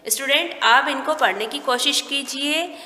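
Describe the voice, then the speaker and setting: A woman teaches young children in a high, bright voice. She goes slowly and clearly, one word at a time. The sound rings in a roomy, echoing space. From India. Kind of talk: primary school lesson. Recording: echoey room with long reverb.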